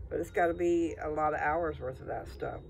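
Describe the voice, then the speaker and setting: A man's voice: on the high side, a little fast, vocal fry, a little hiss or hum. A man talking in a casual, folksy, rambling way, thinking aloud as if to someone he knows. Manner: folksy, informal, thinking aloud with trailing asides.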